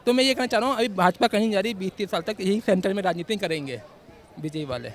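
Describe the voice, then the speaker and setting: A man's voice: high-pitched, quick pace. A man on a city street giving an argumentative political opinion to a reporter, conceding points before pressing his own. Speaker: passerby interviewed on the street. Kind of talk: street vox-pop opinion.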